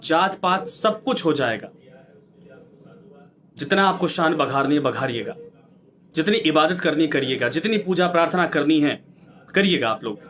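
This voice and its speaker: A man with a fairly high voice delivering fervent news commentary. He lectures and pleads with viewers, pressing his points with one rhetorical question after another in a preachy, exhorting tone. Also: a bit bright. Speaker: news anchor.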